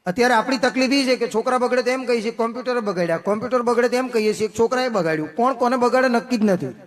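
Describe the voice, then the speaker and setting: A man telling comic stories at a folk festival, playing every part of each joke himself. His speaking voice sits unusually high, and he turns quieter and lower whenever he answers as himself. He speaks into a stage microphone. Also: racing. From Gujarat, India. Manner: tells jokes as dialogue, drops voice lower and quieter for his own replies. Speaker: stage comedian. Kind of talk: live folk comedy storytelling.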